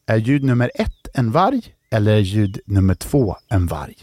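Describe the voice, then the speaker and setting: A man's voice: on the low side, sing-song, a little mellow. A man hosting a children's podcast, telling jokes and reading out riddles in a playful way, stretching out the questions. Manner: jokey, drawn-out riddle reading.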